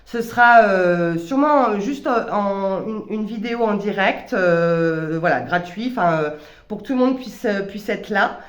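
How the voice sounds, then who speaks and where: A woman's voice: mid-range voice, measured pace. Hesitant woman vlogging in a roomy space. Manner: hesitant, many stammered restarts. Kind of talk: reflective personal vlog. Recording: roomy echo.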